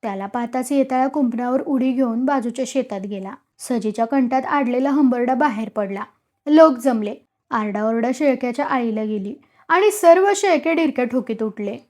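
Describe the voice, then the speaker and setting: Female storyteller, high pitch, dramatic expressive story reading. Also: normal speed. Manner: dramatic, vivid narration.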